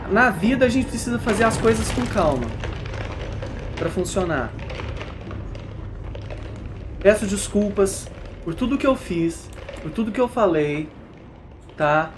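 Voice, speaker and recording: A Brazilian man streaming live gameplay commentary, excitable and given to repeating himself, switching between yelling at the game and quiet apologies to his chat. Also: high voice, noisy background. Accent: Brazilian Portuguese. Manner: repeats phrases over and over. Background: music.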